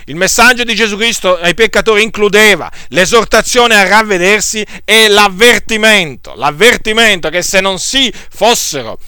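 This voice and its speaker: A man's voice: high-pitched, animated, moderate pace, few pauses, sharp tone, smooth, dry recording, studio quality. A man preaching a sermon, emphatic and repeating phrases for stress.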